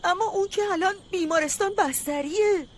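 A woman's voice: extremely high pitch, slight background noise. A prying, worried mother. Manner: scolding, pressing with questions. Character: anxious, suspicious middle-aged mother. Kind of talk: dubbed drama acting.

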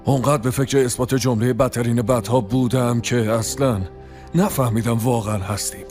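A man's voice: mid-range voice, a little mellow, lightly acted. A man playing an eager wolf who leads a gang of animal crooks in a dubbed cartoon, with a dramatic, earnest delivery. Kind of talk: animated film dub acting. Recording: music behind the voice.

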